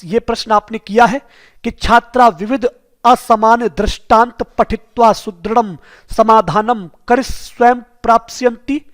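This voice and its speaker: A man teaching an exam-prep lesson who keeps asking rhetorical questions and calling the viewers his friends. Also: very high-pitched.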